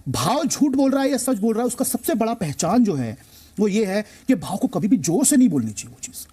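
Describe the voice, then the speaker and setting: A man's voice: sits high, sing-song, a little fast, warm tone, husky. A man appearing as a stock market expert on a TV show, explaining emphatically and repeating key phrases for effect. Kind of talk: explaining to a TV host.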